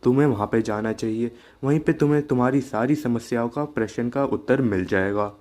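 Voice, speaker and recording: A man voicing a calm old holy man in a cartoon, gentle and grave. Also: mid-range voice, fairly quick, close to an everyday voice.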